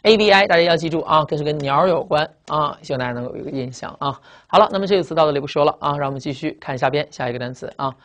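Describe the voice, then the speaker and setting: A male English vocabulary teacher, lecturing at a brisk clip. He drills his students through word roots, spelling letters out and repeating terms in a lively way. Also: a little high. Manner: lively, drawn-out spelling and repetition, frequent "啊" tags. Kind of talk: classroom lecture. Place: classroom with blackboard.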